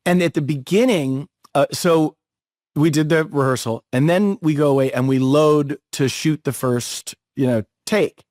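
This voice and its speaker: A man co-hosting a podcast, telling lively anecdotes and acting out voices and sound effects. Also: a little high, measured pace, no echo, studio quality. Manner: animated storyteller, mimics voices and sound effects. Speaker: podcast co-host and actor.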